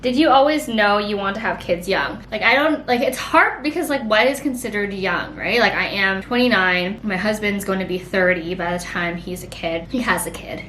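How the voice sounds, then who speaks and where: A woman's voice: normal speed, few pauses, fairly bright tone. A woman in her late twenties chatting casually through a pregnancy Q&A, rambling and filling her sentences with "like". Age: late 20s. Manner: rambling, heavy use of "like". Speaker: vlogger. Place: home. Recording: echoey room, faint rumble.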